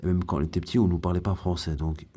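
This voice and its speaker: Low, dark-voiced man rambling. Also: fairly even intonation, fast talker. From Belgium. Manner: rambling, joking, chatty with many fillers. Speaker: aquarium hobby tutorial host. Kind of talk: casual tutorial talk.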